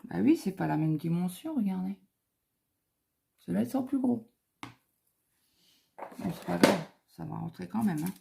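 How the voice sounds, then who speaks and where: A woman's voice: lowish voice, lively intonation, a little slow, gravelly, pauses often, noisy background. A middle-aged woman chatting casually at home while she crafts, telling a rambling story with lots of fillers. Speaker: craft vlogger.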